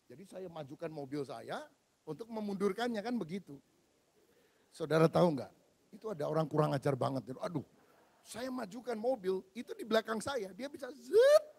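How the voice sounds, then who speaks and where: A male pastor preaching a sermon, telling stories with animated swings from loud to hushed. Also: high voice, creaky, slightly rough. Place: large church hall. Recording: long hall reverb.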